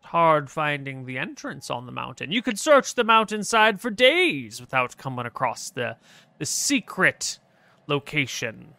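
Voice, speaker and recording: A man's voice: on the high side, big pitch swings, unhurried, gravelly, bright, forceful tone, dry recording, exaggerated voice. A man voicing a chatty trader who rambles scornfully about dwarves in a folksy way. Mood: gossipy.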